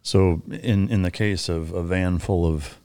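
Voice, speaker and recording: A man's voice: deep voice, steady tone, measured pace, dark tone, clean tone. A man hosting a casual podcast interview, blunt and profane, often sounding incredulous. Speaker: podcast host.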